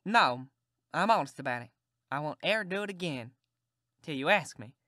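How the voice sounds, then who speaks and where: A woman's voice: sits low, animated, normal speed, fairly bright tone, dry recording, studio quality. A woman voicing Tom Sawyer, a cheeky Southern boy who talks in a polite, mock-innocent drawl.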